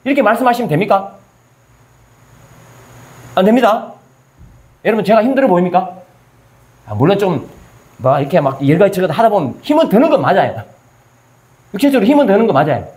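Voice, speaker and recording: A man's voice: high-pitched, very animated, brisk, pauses often, a little mellow. A male pastor preaching a sermon. He asks his listeners questions and answers them himself, and he acts out scripture in casual everyday speech.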